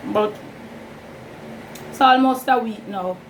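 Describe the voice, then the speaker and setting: A woman with a Jamaican accent chatting casually and informally in a rambling, unhurried way, as a vlogger hosting an eating show. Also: on the high side, poor audio. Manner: unhurried, informal Creole-inflected phrasing, rambling. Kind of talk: casual mukbang chat. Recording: steady fan noise in background. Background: whirring fan.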